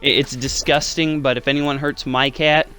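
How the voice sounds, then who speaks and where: A man's voice: medium pitch, little pitch movement, normal speed, pushed and bright, clean tone. A young man in his twenties hosting a gaming channel, rambling through a casual story with lots of swearing and fillers.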